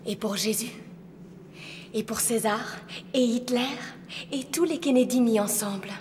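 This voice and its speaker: A woman's voice: fairly high pitch, a little slow, darkish tone, in a large hall, slight background noise, close to an everyday voice. An actress playing a hunted, resigned woman in a film drama, guarded and bitter. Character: hunted, resigned woman, former fiancée of a madman. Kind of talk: dubbed film drama dialogue.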